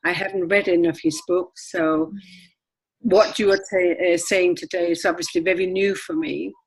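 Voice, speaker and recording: Husky older woman. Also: fairly low pitch, fairly even intonation, low-quality recording. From Denmark. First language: Danish. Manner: measured, reflective. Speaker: panel guest.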